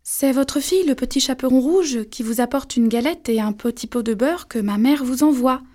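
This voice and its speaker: An innocent little girl from a fairy tale chirps high and eager, played by a woman reading aloud. She sounds trusting and naive. Her voice sits well above the narration. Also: normal speed, mellow.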